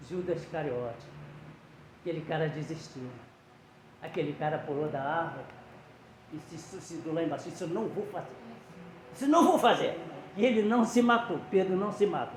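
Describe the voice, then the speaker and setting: A man's voice: fairly high pitch, darkish tone. A man preaching in a casual, conversational way, retelling scripture stories and acting out the quotes in a church hall. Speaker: lay preacher. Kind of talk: sermon. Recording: roomy echo, faint background noise.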